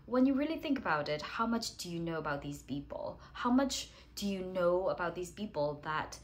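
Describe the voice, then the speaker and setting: Stuffed up with a cold, a woman English teacher talks chattily to camera while hosting a writing challenge, poking fun at herself and occasionally coughing or clearing her throat. Her lowish voice swings widely in pitch at a moderate pace.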